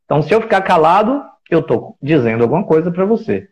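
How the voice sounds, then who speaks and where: A man with a Brazilian Portuguese accent speaks on listening in the workplace during a live stream, giving a reflective, explanatory talk. He searches for words, often restarts phrases, and builds his points with rhetorical questions. His voice is a little high, sing-song, fast, and a little mellow.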